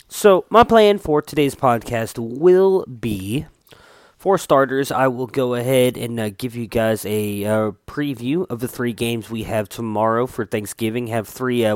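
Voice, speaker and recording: A man hosting a casual solo podcast about fantasy football, talking informally and haltingly while getting over an illness, with a faint nose whistle when he breathes. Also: lowish voice, dry recording, clean studio sound. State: getting over strep and fever. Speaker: podcast host.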